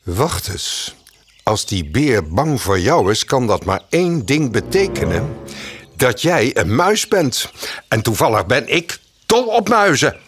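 A man's voice: medium pitch, very animated, slow, a bit bright, soft background music, pitched above the performer's own voice. A man voicing a solemn, fussy old-fashioned owl in a children's storybook, speaking in a formal, pompous way. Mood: sly.

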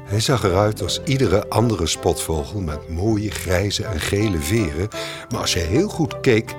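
A man calmly narrating a children's story. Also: lowish voice. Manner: calm and slow, gently storytelling.

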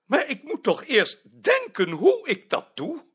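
A man's voice: extremely high pitch, huge pitch swings, slow pace, a bit bright, exaggerated voice. An actor playing a prim male office director who talks hesitantly, stammering now and then. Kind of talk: drama acting.

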